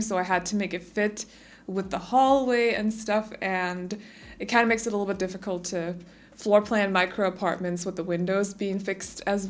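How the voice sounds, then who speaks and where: A woman, a bit stuffy after losing her voice, chatting casually and rambling through a voice-over for a game build. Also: mid-range voice. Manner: chatty, rambling, many fillers. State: stuffy, recovering from lost voice. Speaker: Sims speed build YouTuber.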